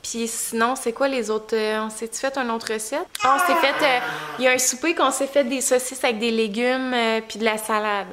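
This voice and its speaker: A young woman with a Quebec French accent and a fairly high voice talks to her vlog audience. Her delivery is informal and chatty, like telling everyday stories. Her articulation is slightly crooked, as with a freshly bitten, swollen tongue. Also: fairly bright tone, slight background noise. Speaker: vlogger and mother. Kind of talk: casual vlog chat.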